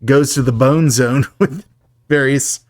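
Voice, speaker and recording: A man's voice: mid-range voice, steady tone, slow pace, darkish tone, no echo, clean studio sound. A man co-hosting a podcast, recapping a film in a chatty, joking way and laughing often. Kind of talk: casual chat.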